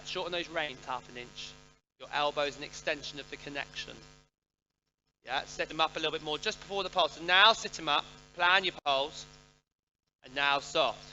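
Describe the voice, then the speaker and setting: A man coaching riders live, calling out brisk, projected short commands and corrections. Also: a little high, bright, forceful tone, dull audio. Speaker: riding coach giving a jumping and pole clinic. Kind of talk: live riding instruction to pupils.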